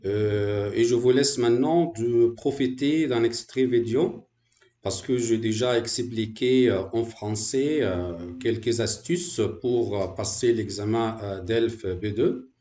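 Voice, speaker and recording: A man's voice: mid-range voice, slow, dark tone, echoey room. A man from Egypt, a French language teacher, gives a hesitant talk to fellow teachers with many fillers and restarts.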